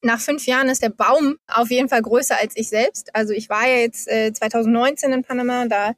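High-voiced woman explaining with enthusiasm. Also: fairly even intonation, a little fast, no echo, clean studio sound. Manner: explains figures steadily and enthusiastically. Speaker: guest, founder of a forest project. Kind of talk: interview answers.

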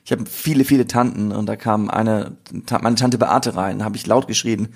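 A man's voice: fairly low pitch, steady tone, moderate pace, breathy edge. A man co-hosting a podcast in casual chat, with dry, theatrical quips. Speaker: podcast co-host. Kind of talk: casual chat, mock-grand introduction.

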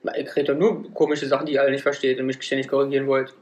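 A man's voice: medium pitch, flat delivery, rapid-fire. A man with a Berlin accent in a casual chat, joking and blunt, with slangy remarks. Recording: roomy echo.

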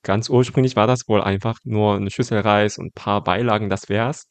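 A man hosts a relaxed interview in a lower-pitched voice. He talks calmly and attentively, backing the guest with soft "mhm"s. The sound is dry and close, with no room echo. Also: moderate pace. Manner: calm, attentive, frequent "ne?" tags and "mhm". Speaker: podcast host. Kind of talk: casual interview conversation.

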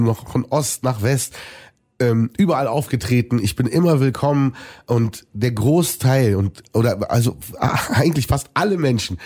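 A man in an interview, talking earnestly and reflectively with many pauses and restarts. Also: on the low side, dark tone, husky. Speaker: musician guest. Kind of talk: conversational interview.

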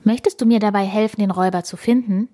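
A woman's voice: a little high, sing-song, moderate pace, a little mellow, no echo, clean studio sound, pitched above the performer's own voice. A woman voicing a friendly policewoman in a children's storybook reading. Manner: friendly, helpful.

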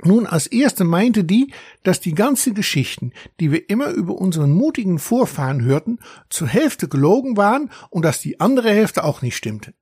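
A man voicing a boastful young male dragon who tells his tales with indignant, lively gusto. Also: high voice, normal speed, slightly rough, no echo, studio quality, pitched above the performer's own voice, exaggerated voice. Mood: indignant boasting.

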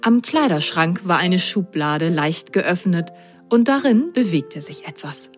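A woman reading a children's bedtime story aloud in a gentle, unhurried storytelling manner. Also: lowish voice. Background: faint music.

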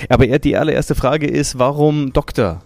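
A man's voice: mid-range voice, moderate pace, gravelly, darkish tone, dry recording. A man hosting an interview in a restaurant, speaking enthusiastically with many fillers. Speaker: podcast host, interviewer. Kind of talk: casual interview. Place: restaurant in Munich.

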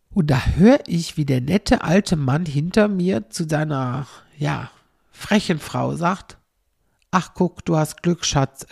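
A middle-aged comic storyteller rambles chattily through funny stories, tagging almost every sentence with a questioning "ne". Her voice is on the low side, creaky, husky and darkish, recorded with studio quality and no room sound.

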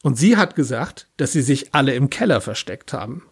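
A man's voice: medium pitch, big pitch swings, a little fast, gravelly, slightly rough, full character voice. A man voicing an earnest, plain-spoken male friend in a spoken story.

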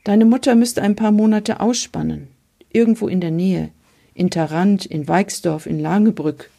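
A woman voicing a calm older country doctor. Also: mid-range voice, moderate pace, gravelly. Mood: reassuring. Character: kindly older male family doctor, calm.

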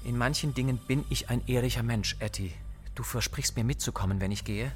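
A man's voice: medium pitch, fairly quick, close to an everyday voice. A male audiobook narrator voicing a grim, scheming member of a secret society, talking in an urgent, conspiratorial way. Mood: earnest, urgent.

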